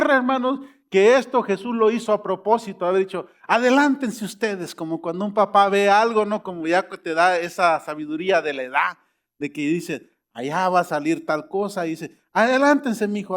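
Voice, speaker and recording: A man's voice: high voice, moderate pace. A middle-aged man preaching a sermon, acting out quoted voices and rising to emphatic peaks. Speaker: pastor.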